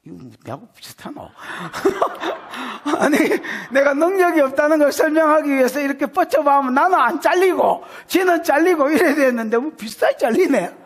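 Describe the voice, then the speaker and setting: A male pastor with a Gyeongsang Korean accent preaching an expository sermon at a church service, animated and folksy, often acting out scenes. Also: very high-pitched, moderate pace.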